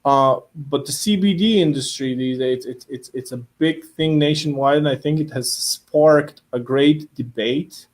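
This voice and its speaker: A man's voice: on the high side, a little slow, hardly any pauses. A man hosting a casual interview, speaking loosely with frequent restarts and repeated words. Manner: relaxed, hesitant, repeats words. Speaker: host.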